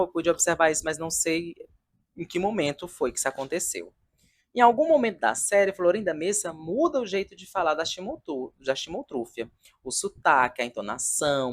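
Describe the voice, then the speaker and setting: Speaking from home before a decorated wall, a thirty-something video reviewer gives a relaxed, talkative, sentimental take on a comedy show. His voice sits a little high.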